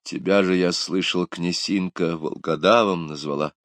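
A nervous young scholar, clumsy and eager to please, as a man gives him voice. He speaks hesitantly and falters over his words in a low, dark voice. The sound is dry and close. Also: steady tone, moderate pace, no room sound. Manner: hesitant, uncertain, apologetic. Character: timid young male scholar, clumsy and anxious.

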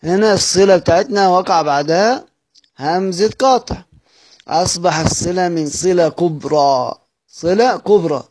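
A man's voice: sits high, normal speed, darkish tone. Egyptian man teaching Quran readings. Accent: Egyptian Arabic. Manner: explains with questions he answers himself, draws out the words he recites.

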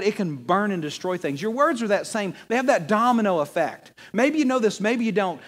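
High-voiced preacher telling a funny story. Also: male voice. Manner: animated storyteller, laughs through his punchlines. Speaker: pastor. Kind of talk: sermon with humorous storytelling.

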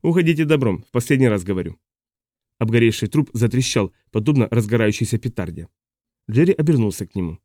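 Guy reading an audiobook, steady and even, dark mellow voice, dry close mic. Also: lowish voice, dry recording. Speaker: audiobook narrator. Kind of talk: scripted narration.

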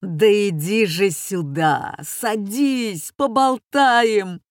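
A woman voicing a loud, overfamiliar foreign poetess in an audiobook. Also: medium pitch, expressive, slow, dry recording, studio quality. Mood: boisterous. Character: brash loud American woman poet. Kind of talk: audiobook character voice.

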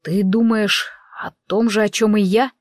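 A woman's voice: medium pitch, fairly even intonation, measured pace, no room sound, studio quality, natural voice. A woman voicing Pasha, a worried male friend who speaks tersely, in an audiobook. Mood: grim.

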